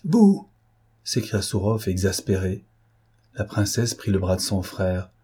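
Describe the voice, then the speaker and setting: Low husky male narrator. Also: level tone, darkish tone. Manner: measured, storytelling. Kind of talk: scripted narration of a novel.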